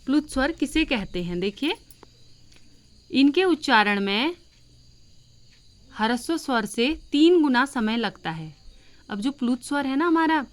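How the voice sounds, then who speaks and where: A woman with a fairly high voice teaches a grammar lesson the way she would in class. She is patient, goes over each point more than once and checks that her listeners follow. She stretches out vowel sounds slowly to demonstrate them. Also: smooth. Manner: patient, repeats points and asks checking questions.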